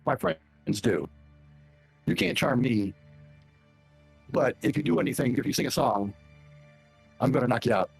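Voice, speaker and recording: A man's voice: medium pitch, expressive, normal speed, vocal fry, pauses often, slightly rough, faint music behind. A man playing a tabletop game, speaking bluntly and in a threatening way in character. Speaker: player.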